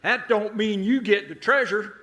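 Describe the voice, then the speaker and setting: A man's voice: sits high, moderate pace, pushed and bright. A man playing Daryl, a folksy, suspicious treasure hunter in a children's skit, talking in exclamatory country slang. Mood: suspicious, boastful.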